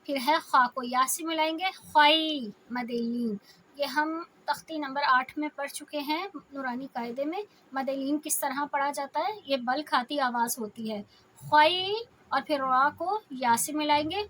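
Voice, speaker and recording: A woman leads a tajweed reading lesson in a high, clear-toned voice. She explains each rule patiently, one step at a time. She slowly draws out the example syllables to show how they should sound. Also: a bit bright, slight background noise. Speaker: Quran teacher.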